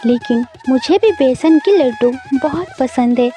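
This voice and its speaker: A woman doing a soft pleading young girl. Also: sits high, animated, unhurried, faint music behind. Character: sad, gentle young girl.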